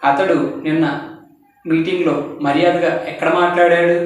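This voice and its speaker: A man with a Telugu-accented voice, a bit high for a man, teaches English in a drawn-out, deliberate way. He repeats each example sentence slowly so learners can follow. The voice sounds distant, recorded in a very echoey room. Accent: Indian English, Telugu. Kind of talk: bilingual English lesson with Telugu explanations. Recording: echoey room, far from the mic.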